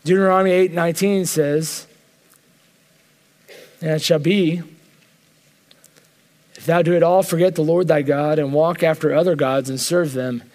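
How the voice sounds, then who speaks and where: A man's voice: fairly high pitch, darkish tone. A man preaching at a church retreat, telling a personal story and acting out the voices he quotes.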